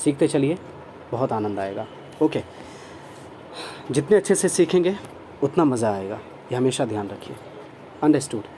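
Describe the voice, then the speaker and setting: Man teaching grammar, mellow voice. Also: mid-range voice, lively intonation, a little hiss or hum. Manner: explains in Hindi mixed with English, slowly dictating English sentences word by word. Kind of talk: classroom lesson explaining grammar. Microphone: phone screen recording.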